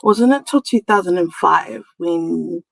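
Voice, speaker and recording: Creaky-voiced woman with a Samoan New Zealand accent. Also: fairly low pitch, unhurried, dry recording, rough recording. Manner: giggly, informal. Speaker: podcast guest, community nurse. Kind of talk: casual conversational storytelling.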